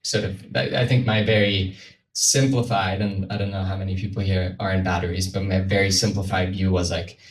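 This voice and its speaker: A Swiss man who works for a carbon removal company speaks informally and a bit hesitantly as a panel guest, his low voice level in tone and slightly fast. The casual spoken talk is captured on a distant mic in a roomy, noisy event space.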